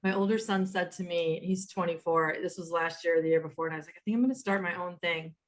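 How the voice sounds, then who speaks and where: A woman in her fifties, a podcast guest telling stories in an animated way, often quoting herself and restarting sentences, over a video call. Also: lowish voice, fast. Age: 50s. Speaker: guest, author and entrepreneur. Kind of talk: conversational storytelling.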